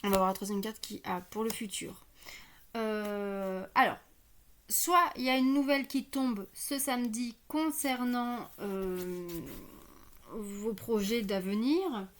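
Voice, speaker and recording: A woman's voice: mid-range voice, steady tone, slow, a little hiss or hum. A woman with a slight lisp on her s sounds, giving a casual card reading and thinking aloud as she goes, often hesitant. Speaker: online card reader hosting weekend guidance. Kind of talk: casual spoken tarot reading.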